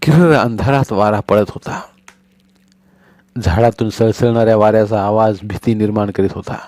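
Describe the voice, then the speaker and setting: Man, storybook narration, steady expressive reading, dry close sound. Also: fairly low pitch, normal speed, dry recording.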